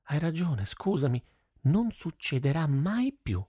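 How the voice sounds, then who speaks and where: A man voicing a cheeky, lively young girl in a dry-sounding audiobook reading, her voice raised well above his own. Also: on the high side, measured pace, husky, no room sound, voice pushed up, exaggerated voice. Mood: wheedling. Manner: bright, wheedling, playful.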